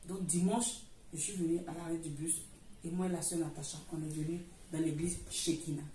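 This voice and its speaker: A middle-aged African woman shares her testimony at church, earnest and repetitive, often restarting her sentences. Her voice is mellow, dark, and low-pitched, with fairly even intonation and a brisk pace. She is heard far from the mic in an echoing church hall, with faint noise behind her.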